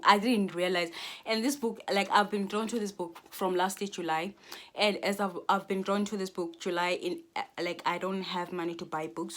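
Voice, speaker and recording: A woman in her twenties, a Xhosa-speaking South African vlogger, talks to camera in an earnest, rambling monologue full of restarts. Her voice is lowish and a bit bright.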